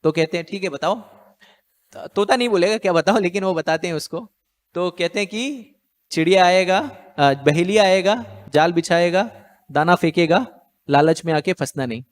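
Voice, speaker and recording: A man's voice: sits high, normal speed. A man giving a scripture lecture as a preacher, telling a story and repeating lines for the listeners to say back. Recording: long hall reverb.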